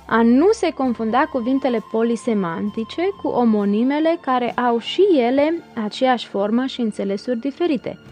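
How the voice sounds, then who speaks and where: A woman's voice: a little high, mellow. Woman reading a grammar lesson. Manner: reads word pairs in a slow list. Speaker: grammar teacher. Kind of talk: scripted grammar lesson narration.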